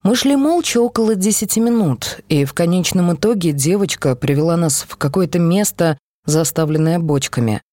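Woman reading with a dark, mellow voice. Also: fairly low pitch, moderate pace, few pauses, no room sound. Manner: expressive, voices the characters. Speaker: audiobook reader. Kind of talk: scripted first-person narration.

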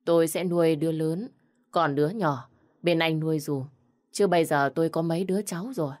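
A woman's voice: low-pitched, brisk, darkish tone, natural voice. A woman voicing a stern, blunt old grandmother in a spoken story, curt and dismissive.

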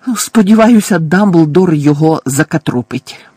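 A man's voice: on the high side, lively intonation, measured pace, vocal fry, a little mellow, slightly rough, no room sound, full character voice. A male audiobook narrator voicing a frantic, cranky old woman who fusses and screeches. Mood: angry. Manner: screeching, bossy, fussing.

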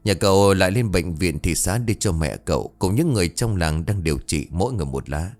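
A man voicing a stern old male village exorcist who speaks in a calm, instructive way, in an audio ghost story. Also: deep voice, fairly quick. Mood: grave counsel.

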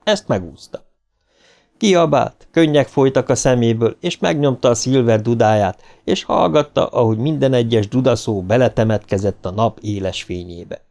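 Hungarian male audiobook narrator, measured. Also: mid-range voice, darkish tone. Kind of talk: scripted narration.

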